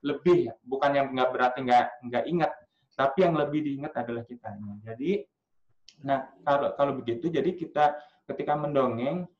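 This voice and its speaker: A man coaching parents in storytelling, talking in a lively, demonstrative way with frequent filler sounds. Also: medium pitch, brisk, echoey room, muffled recording. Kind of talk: casual workshop talk to parents.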